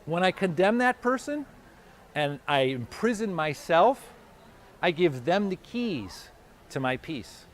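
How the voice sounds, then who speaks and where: A man giving a live self-help talk at an expo, conversational and animated, acting out his own inner voice. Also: high-pitched, slow pace, slight background noise. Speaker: motivational speaker. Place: expo hall or venue.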